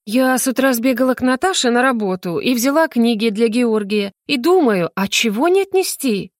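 A woman voicing a fussy, doting older mother who talks in a sugary, drawn-out way and scolds gently. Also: fairly high pitch, lively intonation, no room sound, clean studio sound, voice pushed up, close to an everyday voice. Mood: coaxing. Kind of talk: audiobook character voice.

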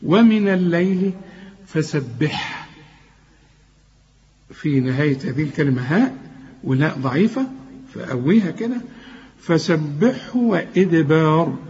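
High-voiced Egyptian sheikh drilling recitation. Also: male voice, expressive, darkish tone, dull audio. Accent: Egyptian Arabic. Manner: drills words slowly, then explains in quick colloquial asides; corrective, direct to the learner. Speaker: Quran teacher. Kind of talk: tajweed recitation lesson.

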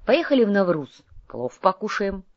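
A woman's voice: medium pitch, expressive, normal speed, no room sound, dull audio, close to an everyday voice. A woman voicing a lazy, always-hungry male fortune-teller mage who whines and teases. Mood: coaxing. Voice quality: whiny, teasing.

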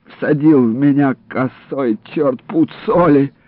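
A man voicing a groaning, wounded old man who pleads and curses in a high wailing voice. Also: slow, no room sound, lightly acted. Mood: furious. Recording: dry, phone-like narrow sound.

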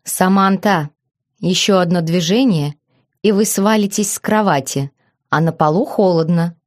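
A woman voicing a self-assured young husband who speaks in a lazy, unhurried, mocking tone. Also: lowish voice, no room sound, clean studio sound, natural voice. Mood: teasing.

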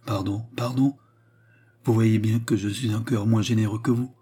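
A man's voice: on the low side, fairly even intonation, moderate pace, warm tone, husky. A man voicing a grave, sad and loyal nobleman in an audiobook reading of a novel, speaking earnestly and solemnly. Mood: apologetic.

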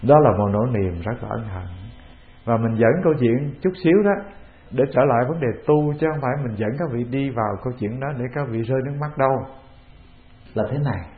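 A man with a Vietnamese accent, a Buddhist monk giving a calm, measured dharma talk, often putting questions to the assembly. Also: mid-range voice. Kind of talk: sermon. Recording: tinny phone-like lo-fi recording.

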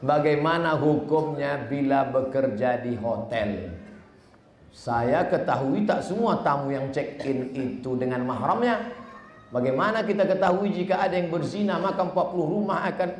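A male preacher, giving a lively sermon in a large hall, answering questions and acting out the people he describes. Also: a little high, moderate pace. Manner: animated, mimics askers and rises to shouts. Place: large hall with a live audience. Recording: roomy live hall with faint ambience.

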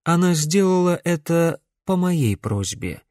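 A man's voice: on the high side, very animated, a little mellow, no echo, studio quality, pitched above the performer's own voice. A man voicing Cordelia, a stern sorceress. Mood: insistent. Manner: measured, insistent. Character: stern middle-aged woman sorceress, a necromancer. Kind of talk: audiobook character reading.

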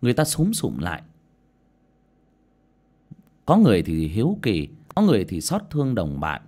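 A man narrating a ghost story as an audiobook storyteller, expressive and lively. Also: lowish voice, normal speed.

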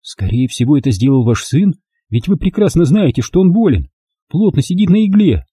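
A man's voice: a little high, sing-song, normal speed, mellow, breathy edge, no echo, clean studio sound. Man doing a tearful desperate maid. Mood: pleading. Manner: pleading, bitter. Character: desperate young housemaid woman, tearful.

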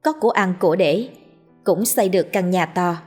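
A woman's voice: lowish voice, a little fast, a little mellow, faint music behind. A woman narrating a ghost story in a scripted, storytelling way.

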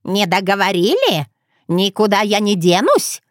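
A woman voicing a sly, hunched ancient village witch woman who talks in a slow, creaky, mocking way. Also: mid-range voice, very animated, no echo, studio quality. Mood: scornful.

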